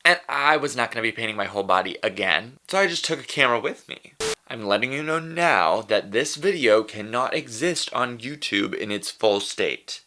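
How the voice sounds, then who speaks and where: Male drag queen vlogger, sassy and playful, fairly low pitch with a sharp, bright edge. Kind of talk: chatty scripted vlog narration.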